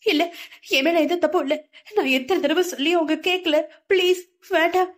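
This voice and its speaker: A woman's voice: extremely high pitch, moderate pace, voice pushed up. A woman voicing a terrified young woman who pleads and sobs through a nightmare in an audiobook. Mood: terrified pleading. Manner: pleading, sobbing, frantic.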